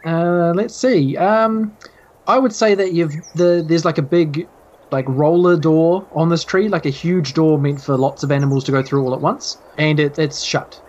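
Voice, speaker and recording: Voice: mid-range voice, moderate pace, darkish tone, muffled recording. A game master running a tabletop game in a casual, hesitant way, full of ums and likes.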